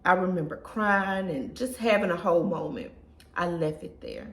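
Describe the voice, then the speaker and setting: A woman's voice: lowish voice, lively intonation, moderate pace, a bit bright. A woman in her thirties telling a personal story to her viewers in a casual, emotional way, often saying "y'all". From Southern US. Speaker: lifestyle vlogger. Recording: echoey room.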